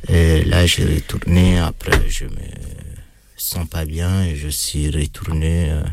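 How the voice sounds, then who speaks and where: A man speaking French with a non-native accent, giving a halting personal account as an interviewee, full of hesitations and restarts. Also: very deep voice, little pitch movement, creaky, heavy background noise. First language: not French. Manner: hesitant, many fillers and restarts.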